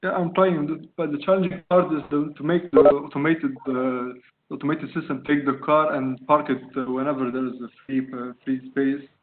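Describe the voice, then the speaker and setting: This Lebanese student's voice is a little high and level as he presents a project in an online video call. He speaks haltingly with lots of fillers while groping for words, and the call audio sounds tinny and phone-like with faint noise.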